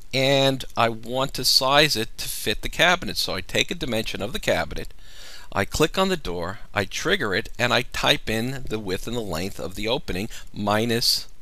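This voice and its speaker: Male tutorial narrator, low and crisp, walks through the steps calmly over a close mic. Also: no echo. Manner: measured, explanatory walkthrough. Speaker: software demonstrator. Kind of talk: screen-recorded software tutorial.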